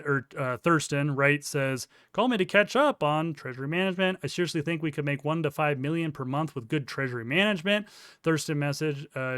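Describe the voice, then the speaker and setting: A man's voice: on the high side, fairly bright tone, clean tone, no room sound, studio quality. A man giving casual commentary while reading court documents aloud, with sarcastic, incredulous asides. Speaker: crypto news commentator.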